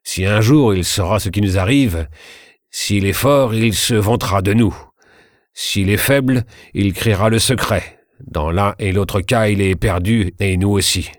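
A man's voice: lowish voice, unhurried, no echo, clean studio sound, lightly acted. A man voicing an anxious male statesman who urges his injured brother to flee, in a worried, pleading way.

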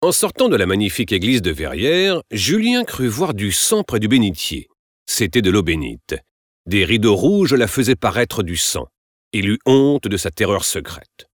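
A man reading a classic novel aloud, narrating with expressive, lively storytelling. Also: lowish voice, normal speed, dry recording, clean studio sound.

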